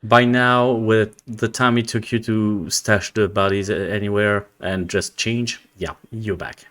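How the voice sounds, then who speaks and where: A man with a fairly low voice runs a tabletop game. He improvises the scene as game master, informally and with hesitant phrasing. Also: little pitch movement, measured pace, fairly bright tone.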